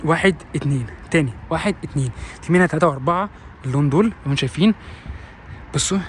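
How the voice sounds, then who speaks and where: Egyptian-accented young male vlogger, rapid-fire gushing delivery, slightly high voice, faint showroom hum behind. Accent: Egyptian Arabic. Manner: fast, gushing, repetitive exclamations. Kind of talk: excited casual vlog tour. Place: car showroom.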